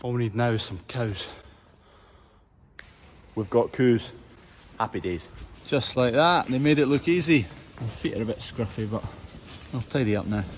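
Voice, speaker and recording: A man's voice: medium pitch, normal speed, long pauses. A Scottish man, a farmer, talking casually through his work on the farm, practical and self-deprecating as he explains. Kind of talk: casual farm vlog narration. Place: outdoors on a farm. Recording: noisy outdoor farm recording.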